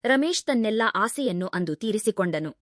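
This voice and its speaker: A woman narrating a first-person story in a steady, even storytelling read. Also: mid-range voice, fairly quick, dry recording, clean studio sound.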